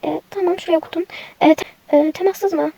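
A woman voicing a weary, polite female cashier in a toy game role-play, speaking formally and quietly. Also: fairly even intonation, brisk, gravelly. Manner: polite, formal, low-key.

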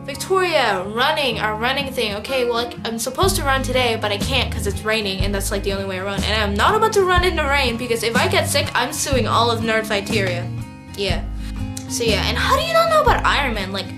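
High-voiced teenage girl chatting in a stairwell. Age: teens. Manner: rambling, conversational, self-correcting. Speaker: video blogger. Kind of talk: casual chat to camera. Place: indoor stairwell.

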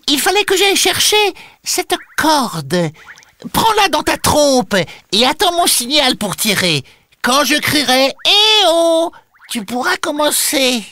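Woman voicing clever female tortoise, small, confident, polite, slow. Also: high-pitched, fairly bright tone, dry recording, exaggerated voice. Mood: sly. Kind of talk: storybook voice acting.

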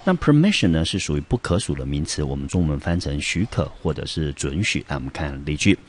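A man teaching English vocabulary with a Taiwanese Mandarin accent, spelling out syllables slowly and explaining each example step by step. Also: extremely low pitch, expressive, a little hiss or hum. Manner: slow, careful spelling out of words, explaining step by step. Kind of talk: vocabulary lesson.

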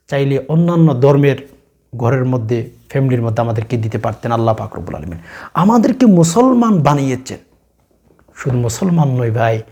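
A man with a Bangladeshi Bengali accent teaching a religious practice to viewers, speaking directly to them and reciting verses slowly and drawn out. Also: mid-range voice, warm tone.

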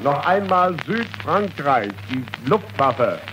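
A man's voice: a little high, very animated, slow. A man announcing and calling out stations in a formal live broadcast, heard as an old 1940s radio recording. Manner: calling out stations with repeated commands. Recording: noisy archival radio recording.

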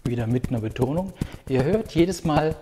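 A man teaching a home yoga class, giving calm, patient step-by-step cues with a clip-on mic. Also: a little high, moderate pace, background noise. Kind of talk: guided yoga instruction. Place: room at home. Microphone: clip-on microphone. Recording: long hall reverb.

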